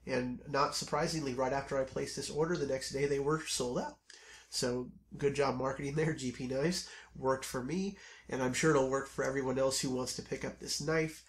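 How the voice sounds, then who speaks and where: A man with a hoarse, scratchy voice from a cold, chatting casually through a knife review with frequent ums. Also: medium pitch, normal speed. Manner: relaxed and chatty, with frequent ums and self-corrections. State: hoarse, under the weather. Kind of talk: casual product review to camera.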